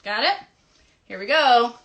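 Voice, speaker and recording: She's a children's live show host whose voice runs on the high side, animated yet unhurried. Addressing the kids directly, she gives encouraging instructions while teaching and singing a hand game, on a noisy live stream with clicks.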